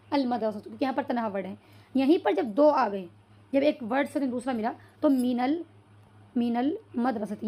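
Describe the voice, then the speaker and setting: In this Arabic lesson, a woman with a somewhat high, darkish voice asks questions and then answers them. She keeps checking comprehension by asking "clear so far?" and spells Arabic words slowly.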